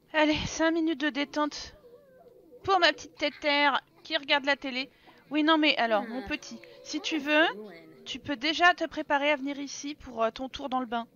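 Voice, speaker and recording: A woman's voice: high voice, a bit bright, lo-fi sound. A young French woman hosting a life-sim let's play, exasperated, swearing, laughing and scolding her characters. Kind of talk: casual gaming commentary.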